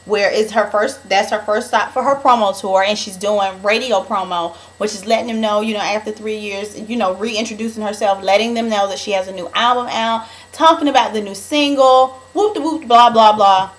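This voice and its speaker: A woman's voice: mid-range voice, fairly even intonation, a little fast, few pauses. Young woman spilling the tea on last week's episode, chatty and dramatic, keeps saying honey. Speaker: vlogger recapping a reality show. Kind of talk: casual gossip recap.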